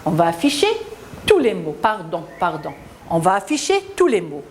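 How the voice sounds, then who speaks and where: A woman teaching a televised reading lesson to children, stretching and singing syllables up high and dropping low to praise. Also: very animated, slight background noise. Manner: slow, drawn-out syllables sung up high, then drops low to praise.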